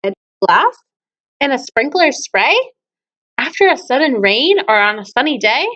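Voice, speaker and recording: A woman teacher reads children's poems at a measured pace in a high, very animated, slightly bright voice, explaining things to young listeners and asking them frequent questions. The recording has its highs cut off.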